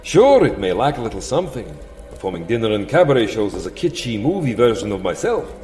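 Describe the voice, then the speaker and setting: An actor playing a weary, settled vampire count in a comic audio drama, theatrical and wry, by turns boastful, petulant and self-deprecating. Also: male voice, fairly low pitch, sing-song, fast talker, a little mellow, a little hiss or hum. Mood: reluctant, reflective.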